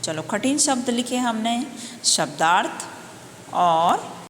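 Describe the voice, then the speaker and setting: Speaking in a fairly high, animated voice, a woman leads a Hindi lesson for small children. She's slow and patient, spelling every word and repeating it, and the room echoes with a little background noise.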